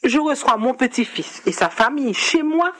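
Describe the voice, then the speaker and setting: A man's voice: extremely high pitch, lively intonation, normal speed, fairly bright tone, full character voice. A man playing a fretful, hesitant elderly grandmother in a radio serial, full of exclamations. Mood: worried. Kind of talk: radio serial drama acting.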